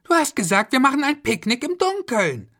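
A man putting on an excited little boy from a storybook, pitched far above his own voice and bouncing with energy. The lines rise and fall with a lively, squeaky eagerness. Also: a little fast, full character voice.

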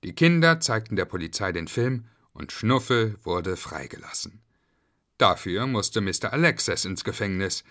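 A man reading a children's story aloud in a slow, expressive way. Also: on the low side. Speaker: narrator.

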